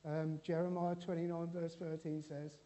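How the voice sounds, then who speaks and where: A man delivers a loose, conversational sermon, joking with the congregation and stumbling through restarts. His voice sits a little high for a man but sounds mellow and warm. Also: flat delivery, moderate pace. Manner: chatty and joking, with frequent restarts. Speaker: preacher. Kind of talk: informal church sermon.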